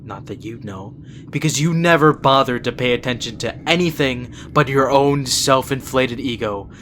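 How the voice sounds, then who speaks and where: In an audio roleplay, a man voices a principled, exasperated younger-brother vampire prince, speaking earnestly in a bitter, reproachful mood. His mid-range voice is fairly bright and close to everyday speech, at normal speed, with a little hiss or hum.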